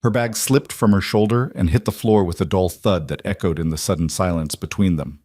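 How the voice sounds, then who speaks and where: Low-voiced man narrating a drama. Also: darkish tone, dry recording, clean studio sound. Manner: grave, measured storytelling. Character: hurt, betrayed single father, Daniel. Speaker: storyteller.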